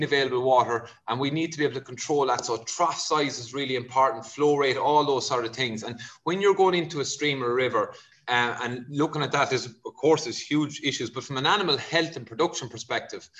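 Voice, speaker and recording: Irish guy, west of ireland kerry accent, vet explaining stuff in a chatty way, normal mid pitch. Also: fairly bright tone, lo-fi sound. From County Kerry, Ireland. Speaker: vet, expert guest. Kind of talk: conversational expert explanation.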